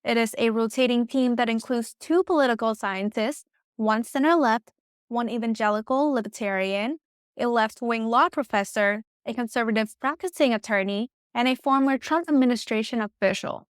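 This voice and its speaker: A woman narrating a podcast in a smooth, even, scripted delivery. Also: on the high side, moderate pace, no echo, clean studio sound.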